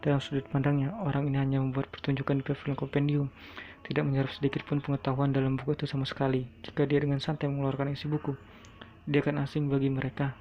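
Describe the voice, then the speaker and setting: Guy reading a web novel out loud, super flat, gravelly, muffled lo-fi sound. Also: medium pitch, racing, a little hiss or hum. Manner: monotone reading with small slips. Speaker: audiobook narrator. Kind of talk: reading a translated novel aloud. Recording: dull lo-fi recording.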